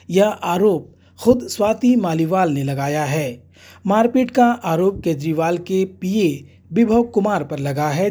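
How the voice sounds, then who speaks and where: A news anchor reading a formal political news report in steady, measured Hindi newsreading. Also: mid-range voice, slightly rough. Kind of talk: scripted news narration.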